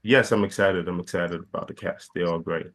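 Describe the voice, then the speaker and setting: Deep-voiced man, hesitant and halting. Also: fairly even intonation, a bit bright. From Ghana. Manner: hesitant, many fillers and restarts. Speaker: filmmaker guest. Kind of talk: casual interview.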